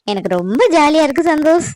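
A woman playing an excited, chatty young married daughter in a family drama skit. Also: high-pitched, fairly quick, rough recording. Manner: eager, chatty.

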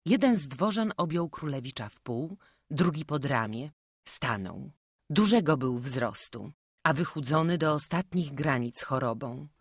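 A woman reading a classic children's novel aloud in calm, measured narration. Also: deep voice, slightly rough, dry recording. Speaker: audiobook narrator. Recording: dry close studio voice.

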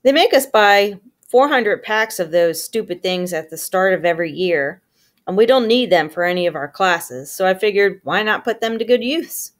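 A woman reading aloud and voicing a chatty, goofy teenage boy who is quick to protest. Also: medium pitch, lively intonation, natural voice. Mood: playful.

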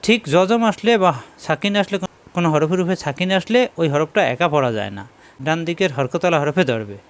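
A man teaching Quran reading, giving slow step-by-step lessons and repeating each sound several times. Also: fairly high pitch, lively intonation, clean tone.

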